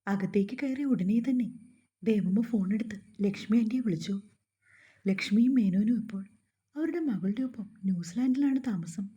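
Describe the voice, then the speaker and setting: A woman narrating a family story in a soft, partly whispered reading voice. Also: medium pitch, normal speed, husky.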